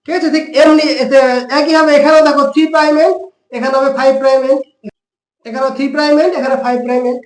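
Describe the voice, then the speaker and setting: A woman teaching a science lesson with a West Bengal Bengali accent and a high voice. She works through each step and asks the class questions she then answers herself. The room around her is echoey. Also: flat delivery, rapid-fire.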